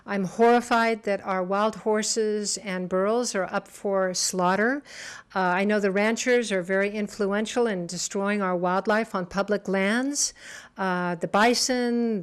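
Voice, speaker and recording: A woman's voice: mid-range voice, clean tone. A woman, a TV host, leaving an earnest, indignant protest voicemail on the phone and stumbling over repeated words.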